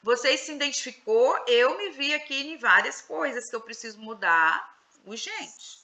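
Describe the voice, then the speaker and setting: A woman's voice: a little high, expressive, moderate pace, pushed and bright. A Brazilian woman, a psychoanalyst, leading a casual women's group discussion online, asking questions and coaxing others to speak.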